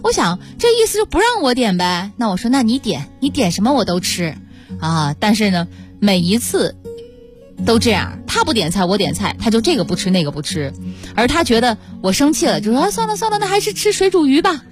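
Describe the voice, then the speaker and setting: A woman's voice: mid-range voice, big pitch swings, a little fast, faint music behind. Chatty woman radio co-host. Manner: chatty, laughs often, reads listener messages. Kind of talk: casual radio chat.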